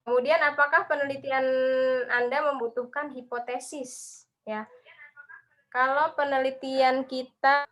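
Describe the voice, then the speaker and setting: A woman's voice: high-pitched, fairly even intonation, unhurried, pauses often, bright, forceful tone. A woman explaining material as the speaker of an online lecture on a video call.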